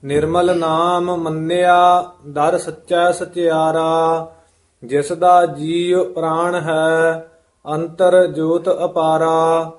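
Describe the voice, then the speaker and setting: A man reciting scripture verses in a steady sing-song chant as a student in a lesson. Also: fairly high pitch, drawn-out words.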